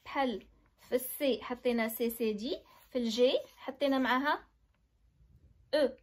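A young woman with a Moroccan accent gives a basic French lesson, moving between French and Moroccan Arabic. She explains patiently, step by step, and keeps checking that the class follows. Her voice sits a little high. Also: fast. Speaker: French teacher.

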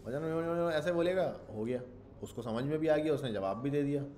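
A man's voice: mid-range voice, brisk, warm tone. A man teaching a casual coding lecture, thinking aloud and slipping English terms into his talk. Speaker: programming instructor.

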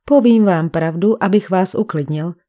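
A woman voicing a falsely friendly male sanatorium doctor who smoothly persuades his patients, in an audiobook. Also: on the low side, mellow, close to an everyday voice. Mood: persuasive.

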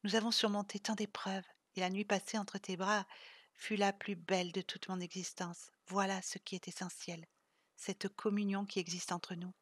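A woman reading the lines of a gentle, weary man cursed for centuries, speaking softly and tenderly. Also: mid-range voice, little pitch movement, moderate pace, no echo, lightly acted.

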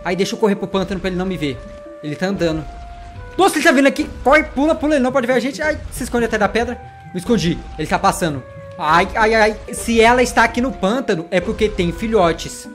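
Brief: excitable male gaming vlogger, rapid-fire commentary. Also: high voice. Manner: excitable, jumpy, talks straight to viewers. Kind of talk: let's-play commentary.

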